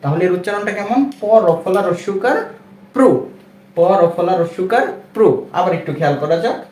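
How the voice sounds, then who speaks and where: Bangladeshi guy teaching a reading lesson, kinda high voice, repeats sounds slowly, roomy echo. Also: lively intonation, darkish tone. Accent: Bangladeshi Bengali.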